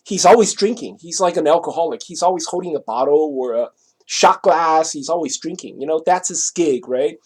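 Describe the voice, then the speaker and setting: This personal story comes from a middle-aged man from Taiwan whose voice is a little high, a little mellow and slightly rough. He speaks casually with a Taiwanese accent, rambling and halting, repeating himself and frequently making sure the listener keeps up.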